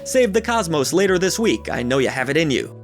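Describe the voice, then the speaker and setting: Male host, upbeat and jokey, lively voice with lots of pitch movement, slightly high, music bed underneath. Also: brisk. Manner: upbeat and jokey, with playful asides. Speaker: gaming channel host. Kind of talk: scripted game-release roundup narration. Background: background music.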